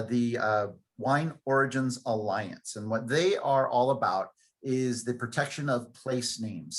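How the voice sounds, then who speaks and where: A man's voice: mid-range voice, fairly bright tone. Chatty man hosting a video-call tasting. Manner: chatty, lots of filler words. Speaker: host of an online wine tasting. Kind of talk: casual live-stream hosting.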